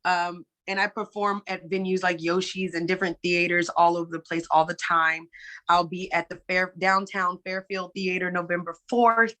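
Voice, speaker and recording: Emotional woman guest, halting and heartfelt. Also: fairly low pitch, flat delivery, sharp tone. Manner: emotional, halting, repeats words. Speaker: guest musician. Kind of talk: candid conversation. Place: online webinar call.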